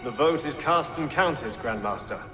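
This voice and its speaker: An actor playing a cold, calculating revolutionary politician with clipped, cool delivery. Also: male voice, mid-range voice, expressive, moderate pace, loud music behind the voice, close to an everyday voice. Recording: echoey hall.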